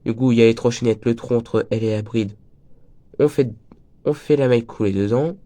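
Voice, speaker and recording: Chatting casually through a crochet lesson, a teenage boy with a breaking voice and a mild cold keeps slipping into jokes and tangents. His voice sits in the mid range, brisk and mellow.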